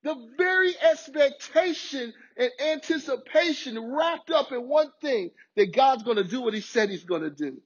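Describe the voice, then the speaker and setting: A man's voice: very high-pitched, darkish tone, slightly rough, highs cut off. A man preaching a sermon with passion, often repeating and restarting his words. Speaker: pastor.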